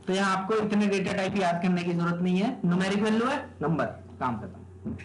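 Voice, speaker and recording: High-voiced male teacher quizzing his class. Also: fairly quick. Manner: quizzes students with rhetorical questions, keeps checking "okay?". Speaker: programming teacher. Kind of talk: live classroom lecture. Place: classroom with students. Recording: echoey room with background noise.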